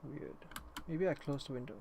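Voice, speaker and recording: Over faint background noise and keyboard clicks, a man with a gravelly, high-ish voice comments on the game he is live streaming at a moderate pace. His chat is casual and a bit rambling, with repeated phrases.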